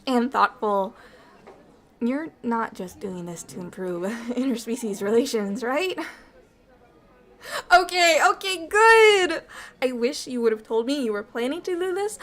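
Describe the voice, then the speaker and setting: A woman voices a bubbly, affectionate alien ambassador who is curious and naive about humans, in a heavily acted, intimate one-sided ASMR roleplay. Her high voice sounds touched and giddy, expressive and earnest, with slightly formal wording that falters when she is moved.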